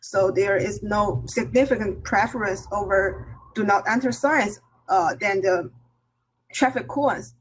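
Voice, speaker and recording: A woman giving an academic conference presentation in a halting, hesitant way, often pausing and correcting herself. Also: mid-range voice, slight background noise, low-quality recording. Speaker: research presenter.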